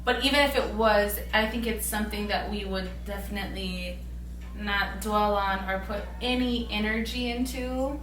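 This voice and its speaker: A woman's voice: medium pitch, moderate pace, a bit bright. A tipsy young woman chatting casually as she answers viewer questions in a vlog. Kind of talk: casual couple Q&A chat. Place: bedroom. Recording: roomy, distant mic, background hiss.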